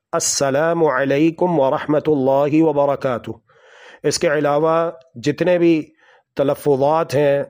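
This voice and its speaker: Slow, deliberate Urdu-speaking male preacher. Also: a little high, darkish tone. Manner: slow, deliberate, with measured pauses; recites Arabic hadith and Quran verses. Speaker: Islamic preacher. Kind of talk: religious lesson.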